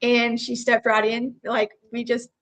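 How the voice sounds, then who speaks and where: Female podcast guest, Texas accent with a drawl, slightly high voice, casual storyteller. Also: completely flat delivery, a little slow, a bit bright. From Texas Panhandle, United States. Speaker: podcast guest, roofing company owner.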